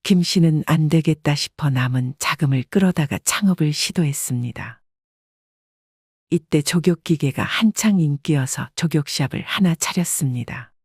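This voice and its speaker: A storyteller giving a measured, scripted audiobook narration in an even delivery. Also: mid-range voice, breathy edge, no echo, clean studio sound.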